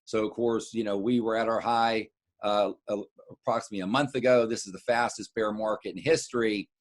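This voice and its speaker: His voice on the low side and his tone steady, a middle-aged American wealth adviser offers clients an informal rundown of the markets. He pauses and repeats words when adding explanatory remarks.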